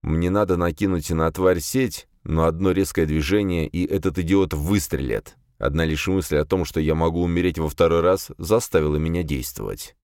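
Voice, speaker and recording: A man narrating a first-person fantasy audiobook in a steady, measured way. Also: sits low, no room sound, clean studio sound.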